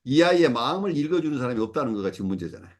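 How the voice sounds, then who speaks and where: Lively-voiced man explaining patiently. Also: mid-range voice. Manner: measured, frequent self-corrections and fillers. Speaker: psychoanalysis supervisor. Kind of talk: explanatory teaching talk.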